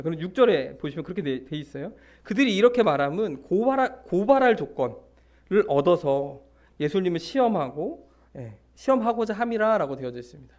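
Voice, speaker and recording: A male pastor giving a Sunday sermon in a lively storytelling way, with humorous asides and acted-out quotes. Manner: acts out scenes and quotes with big pitch swings.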